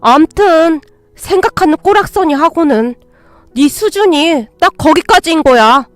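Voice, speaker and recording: A woman's voice: sits high, very animated, normal speed, dry recording, faint music behind. A woman doing a bickering young husband. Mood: angry. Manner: bickering, snapping, then pleading. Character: quarrelsome young husband, petulant and defensive.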